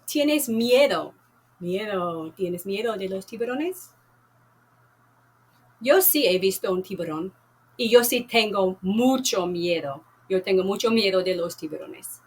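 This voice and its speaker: Slow, clear woman teaching Spanish. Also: mid-range voice, expressive. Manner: slow, clear, repeats words and translates into English. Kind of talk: classroom lesson, reading a novel aloud.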